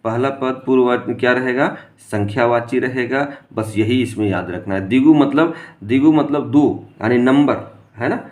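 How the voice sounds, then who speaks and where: A man's voice: mid-range voice, moderate pace, darkish tone. A man teaching an exam-prep grammar lesson. He keeps asking rhetorical questions, answers them himself and repeats the key terms.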